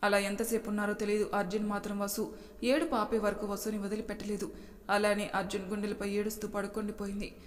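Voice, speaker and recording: A woman narrating an audio story in a steady, expressive storytelling manner. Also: mid-range voice. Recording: long hall reverb.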